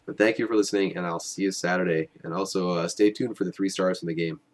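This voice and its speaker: A young man giving joking, wry play-by-play voice-over of game highlights. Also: fairly even intonation, quick pace. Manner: wry, joking, self-mocking. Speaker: highlights commentator.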